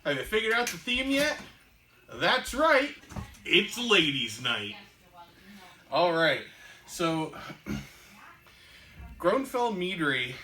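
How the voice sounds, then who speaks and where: Speaking indoors in a shop room, a woman co-hosts a casual chat-show podcast, rambling with plenty of fillers and easygoing enthusiasm. Her voice sits extremely low in pitch yet sounds pushed and bright.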